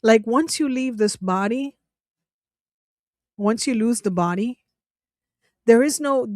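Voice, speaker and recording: A woman's voice: medium pitch, a little mellow, dry recording, studio quality. A woman hosting a casual commentary vlog, talking in a profane, incredulous way, laughing often and rambling with many restarts. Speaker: channel host.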